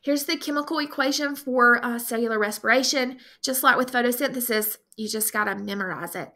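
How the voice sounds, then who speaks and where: A woman's voice: fairly high pitch, brisk, bright, forceful tone. A woman teaching science, explaining a review lesson to her students in an upbeat, direct way.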